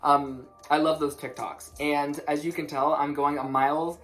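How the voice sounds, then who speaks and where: A young woman with a slight lisp, chatting to camera at home in a rushed, rambling way, often stumbling over her words, with faint music behind her. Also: deep voice, steady tone, fairly bright tone. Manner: rushed, rambling, self-interrupting, stutters. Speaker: musician vlogger. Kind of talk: casual chat to camera.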